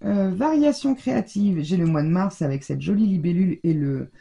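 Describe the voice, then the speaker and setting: French woman, scrapbooking vlogger, rambling filler-heavy chatter, mellow tone, stuffy nose. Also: on the low side, lively intonation, normal speed, creaky. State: scratchy throat, stuffy nose. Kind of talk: casual show-and-tell haul.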